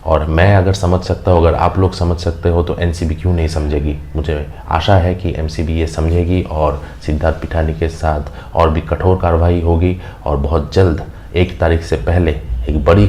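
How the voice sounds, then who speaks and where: Faint background noise accompanies a male host with an Indian accent delivering emphatic, repetitive, opinionated news commentary. His voice is very deep, with a darkish tone.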